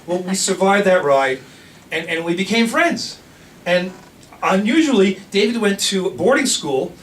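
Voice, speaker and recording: An older man from the New York area telling a rambling personal story on stage, animated, with restarts and laughs. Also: high-pitched, a little slow, far from the mic, slight background noise.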